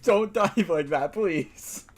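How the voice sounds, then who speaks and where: A woman's voice: fairly low pitch, slow, a little mellow. A woman streaming a game, chatting casually and playfully with her viewers. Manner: chatty, playful, addressing chat. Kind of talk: casual chat while gaming. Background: game music.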